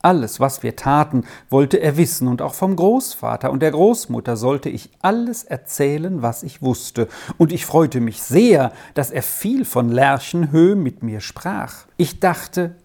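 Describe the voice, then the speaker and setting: An earnest, thoughtful young schoolboy in a storybook, his voice lifted a little above the reader's low, warm tone as he explains things carefully. A woman doing the voice while reading aloud. His speech rises and falls in a lively way. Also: measured pace, few pauses, full character voice.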